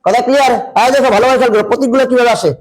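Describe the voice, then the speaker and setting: A male teacher with a very high, fairly even voice races through a chemistry lesson in casual, dialect-tinged Bengali over poor audio. He asks his students questions, answers them himself, and repeats the key points.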